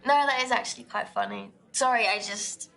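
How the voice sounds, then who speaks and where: A blunt, gravelly-voiced dater. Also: female voice, medium pitch, a bit bright. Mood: direct. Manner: direct and brisk. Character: blunt, ambitious woman firing questions at a date. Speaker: speed date. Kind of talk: live-action game acting.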